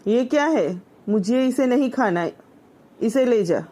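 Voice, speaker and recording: A woman's voice: fairly high pitch, unhurried, lightly acted. A woman voicing a grumpy older village mother-in-law who nags and scolds sharply. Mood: nagging. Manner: sharp, nagging complaints.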